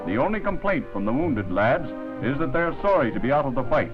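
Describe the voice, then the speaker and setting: A man's voice: medium pitch, lively intonation, brisk. A man narrating a wartime newsreel in the rousing, declamatory announcer style of the 1940s. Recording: muffled 1940s newsreel soundtrack, loud music.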